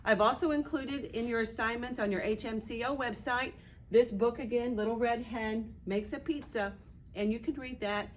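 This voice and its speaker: A woman teaching an online lesson for young children, talking gently and asking simple questions as she draws. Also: on the high side, a little hiss or hum. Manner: gentle, slow, questioning while drawing.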